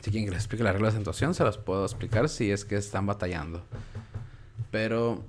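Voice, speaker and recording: A young man with a Mexican Spanish accent, teaching a relaxed, casual class and repeating words aloud to show where the stress falls. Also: lowish voice, fast, a little hiss or hum.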